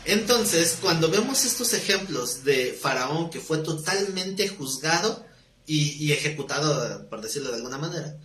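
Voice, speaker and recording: A man's voice: a little high, lively intonation, normal speed, a bit bright, faint music behind. A man preaching a live sermon, speaking conversationally with rhetorical questions and light jokes. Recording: roomy live-stream audio.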